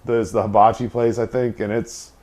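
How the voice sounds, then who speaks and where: A man's voice: lowish voice, little pitch movement, moderate pace, a little mellow. A middle-aged man chatting casually as a streamer, with a wry, playful, teasing manner and lots of joking. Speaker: streamer hosting a charity subathon.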